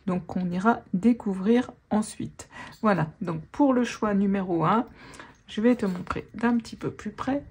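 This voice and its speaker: A woman's voice: medium pitch, mellow, husky. A woman giving a casual tarot guidance, chatty, with many fillers and restarts. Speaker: tarot reader.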